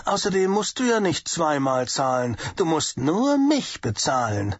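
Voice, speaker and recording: A man's voice: on the high side, sing-song, a little slow, no echo, voice pushed up. A man voicing a cruel young male gang leader who hisses threats, in a dull lo-fi audiobook recording. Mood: menacing. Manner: hissing, taunting.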